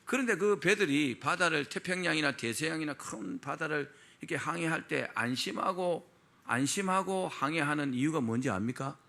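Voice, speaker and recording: Gravelly, lively male pastor preaching. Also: fairly high pitch, moderate pace. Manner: storytelling with frequent rhetorical questions to the congregation. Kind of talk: sermon.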